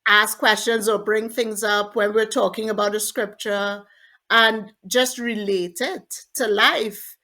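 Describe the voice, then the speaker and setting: A woman's voice: medium pitch, steady tone, unhurried, bright, forceful tone. A woman from Trinidad, a podcast guest, earnestly telling her personal faith story in an interview.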